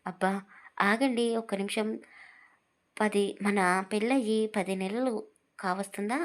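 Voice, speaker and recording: A woman's voice: medium pitch, fairly even intonation, a little slow, natural voice. A woman voicing an innocent, childlike young bride who asks wide-eyed, pleading questions. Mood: naive.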